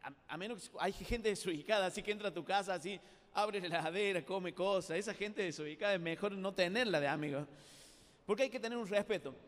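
A man's voice: high-pitched, quick pace. A man with an Argentine accent preaching a live sermon to a youth congress, telling stories in a chatty, colloquial way and addressing the audience directly. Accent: Argentine Spanish. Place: large hall at a youth congress. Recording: reverberant live hall recording.

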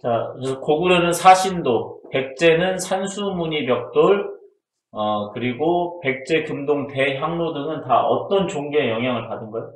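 A man's voice: a little high, normal speed. A man teaching history in a casual exam-prep lecture, who asks his students questions and answers them himself. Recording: roomy echo.

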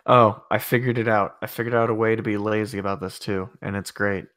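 A man's voice: lowish voice, steady tone, brisk, a bit bright, no echo, studio quality. A man playing a tabletop role-playing game over voice chat, laid-back and chuckling as he talks. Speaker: tabletop role-play player.

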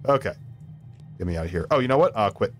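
A man streaming a video game, commenting casually in a playful, jokey way and laughing often. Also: medium pitch.

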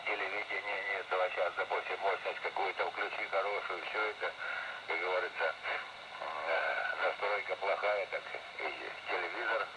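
Noisy shortwave reception, picked up from a transceiver speaker in a room, carries an older ham radio operator chatting casually. His deep voice has a flat delivery and moderate pace, processed with reverb and compression. He rambles, repeating words and phrases.

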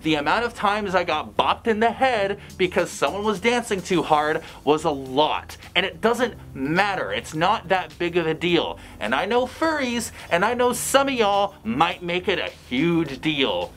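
Animated voice through a costume head. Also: mid-range voice, unhurried, hardly any pauses, a little hiss or hum. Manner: animated, chatty, blunt advice. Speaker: fursuiter vlogger. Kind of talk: casual advice vlog.

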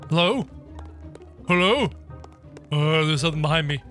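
A man's voice: fairly high pitch, lively intonation, normal speed, a bit bright. A man hosting a gaming video, reacting to a horror game in a scared, panicky way and repeating words as he talks to viewers. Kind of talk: excited game commentary to viewers. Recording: music behind the voice. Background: music.

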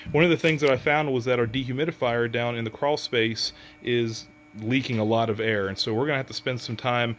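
Speaking fairly quickly in a steady, medium-pitched voice that sounds a bit bright, the same kind of forties HVAC contractor walks through a test practically. The handheld phone footage inside the half-built house carries a little hiss or hum.

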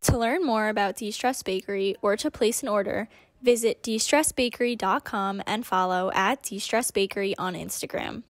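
A teenage girl, a student reporter, reading scripted news narration in a steady way. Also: mid-range voice, moderate pace. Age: teens.

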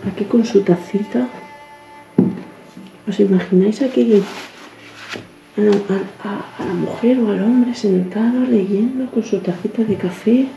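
A woman, exploring an abandoned house in a casual vlog, exclaiming and marveling aloud, often hushed. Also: mid-range voice, unhurried, vocal fry, pauses often. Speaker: urban explorer host. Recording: roomy, dull lo-fi camera audio with faint music.

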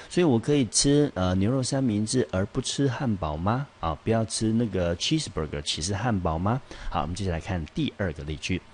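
A man with a Taiwanese Mandarin accent teaching an English vocabulary lesson, patiently slowing down to read example sentences. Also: low-pitched, a little mellow, a little hiss or hum.

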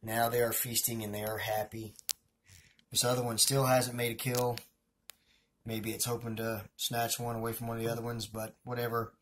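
A man's voice: medium pitch, flat delivery, moderate pace, fairly bright tone, slight background noise. A man with a Southern US accent narrating a casual feeding video as a hobbyist keeper, chatty and rambling, talking to viewers as guys. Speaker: hobbyist scorpion and tarantula keeper.

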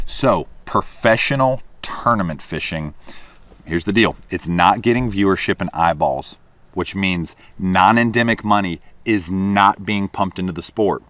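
A man's voice: sits low, a bit bright, no echo. A man on a boat delivers an opinionated monologue to camera, explaining emphatically with rhetorical questions and repeated points. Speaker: fishing content creator. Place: on a boat, outdoors.

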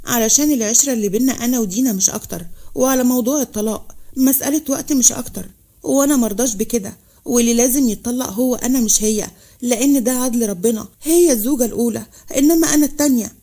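A woman with an Egyptian accent voicing a dignified, hurt second wife who speaks in a calm, reproachful way. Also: a little high, very fast. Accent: Egyptian Arabic.

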